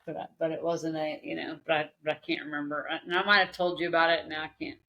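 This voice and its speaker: A woman speaking as a podcast guest in a reflective conversation, often pausing and restarting as she searches for her words. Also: deep voice, little pitch movement, vocal fry, pushed and bright, dull audio.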